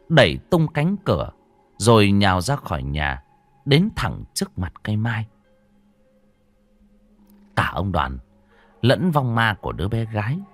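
Male horror-story narrator, mid voice, very expressive, dry close read. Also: on the low side, dry recording. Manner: dramatic, varied delivery.

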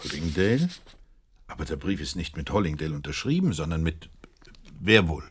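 A flustered gentleman doctor in a radio play. His low voice is husky and rises and falls expressively. He stammers and questions, incredulous and unsure of himself. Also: sing-song, a little fast, heavily acted. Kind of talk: German radio drama acting.

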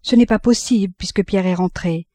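A woman voicing a calm, sensible young man who gently reassures his frightened mother. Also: medium pitch, a little fast, no echo, natural voice. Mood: reassuring.

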